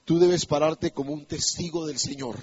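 High, husky-voiced male pastor preaching. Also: fairly even intonation, moderate pace, lo-fi sound. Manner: emphatic preaching with rhetorical questions to the congregation. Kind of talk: sermon. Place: church.

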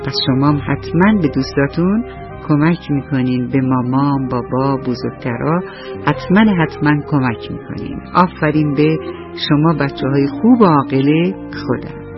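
A woman telling a bedtime story to children on the radio, tenderly addressing her little listeners. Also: rumbling low. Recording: dull lo-fi radio with soft music.

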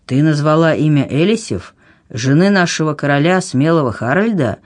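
A reader voicing a stern, slow-witted Viking jarl who talks bluntly and deliberately. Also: mid-range voice, animated, close to an everyday voice. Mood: questioning.

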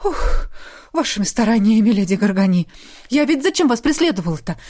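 A woman's voice: a little high, very animated, a little fast, darkish tone. A woman voicing a breathless gnome woman who leads a craft guild and chatters nonstop. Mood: flustered.

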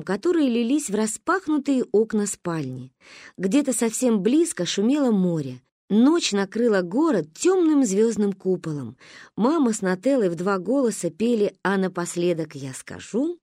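A woman's voice: on the high side, very animated, moderate pace, mellow, dry recording, studio quality. A woman narrating a story as an audiobook, expressively.

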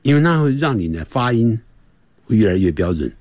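A man giving a radio English lesson, repeating short phrases over and over and slowing right down to model the sounds. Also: fairly low pitch, big pitch swings, darkish tone, dry recording, clean studio sound. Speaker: English teacher.

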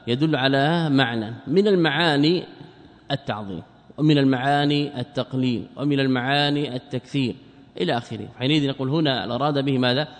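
A man's voice: mid-range voice, quick pace. A man teaching a religious text in a lesson, who asks rhetorical questions, answers them himself and repeats key words for emphasis. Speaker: Islamic scholar teaching a text. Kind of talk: classroom commentary on a religious text. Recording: long reverb of a large hall.

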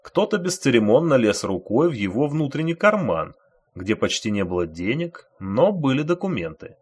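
A man narrating an audiobook thriller with expressive, tense storytelling. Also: mid-range voice, moderate pace, breathy edge.

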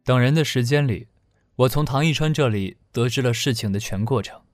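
Male audiobook narrator over soft guitar. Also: mid-range voice, brisk, no room sound, clean studio sound. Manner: steady storytelling delivery. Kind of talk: scripted narration.

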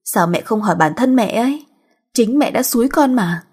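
A woman voicing a bitter grown daughter who shouts back accusingly, in a husky voice. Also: on the high side, expressive, normal speed, pitched above the performer's own voice.

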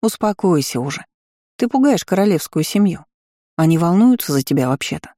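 A woman's voice: on the low side, lively intonation, brisk, mellow, no echo, clean studio sound. A woman voicing a mocking, lazy and bossy ancient female dragon spirit in an audiobook.

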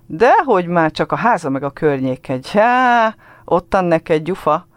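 A woman voicing a shy, warm village boy of about ten who talks in earnest rural dialect. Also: on the low side, big pitch swings, no room sound, voice pushed up.

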